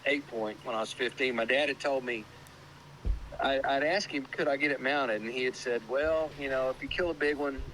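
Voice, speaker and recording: A man in his sixties, a podcast guest, telling hunting memories in a steady, plain-spoken way. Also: mid-range voice, moderate pace, a little hiss or hum, rough recording. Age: 60s. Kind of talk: casual chat.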